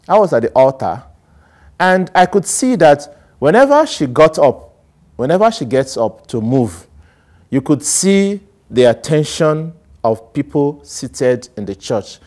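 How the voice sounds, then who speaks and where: A middle-aged male priest preaches a homily slowly, alternating loud stretches with quiet ones, and is picked up by a lapel mic. He's animated and gestures broadly, swinging between strong emphasis and low asides, in a small indoor studio set with plants.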